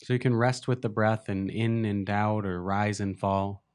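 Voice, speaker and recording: A male meditation teacher's fairly low, level voice guides a meditation. He speaks softly and without rushing, in brief phrases broken by long pauses.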